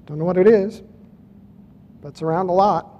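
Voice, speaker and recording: A man with a fairly high yet mellow, dark-toned voice tells his story at a conference in a loose, chatty way. He reads out dates and turns to the crowd now and then. His voice rings out with a long hall reverb. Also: normal speed, muffled recording. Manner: casual storytelling, reading out dates, addressing the audience. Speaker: speaker at a UFO conference. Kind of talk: conference talk presenting photos and clips.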